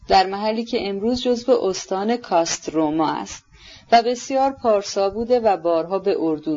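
A woman voicing a gentle young prince who explains things seriously, clearly and precisely, on a dull lo-fi recording. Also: mid-range voice. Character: gentle, earnest young prince, meek man.

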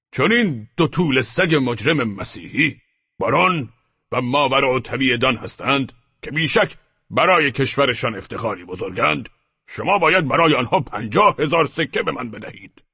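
A man's voice: mid-range voice, animated, gravelly, pushed and bright, husky, no echo, highs cut off, exaggerated voice. A man doing a harsh, greedy ship captain. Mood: demanding. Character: rough male galley captain, greedy and harsh. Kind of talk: audiobook reading.

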